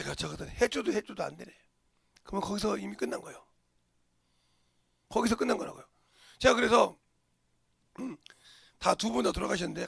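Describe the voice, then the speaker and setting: A male pastor preaching with a high, very gravelly voice that climbs and plunges all over the place. He swings from shouts to hushed whispers and keeps pressing his listeners with rhetorical questions, in a dry, close sound. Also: no room sound. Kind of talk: sermon.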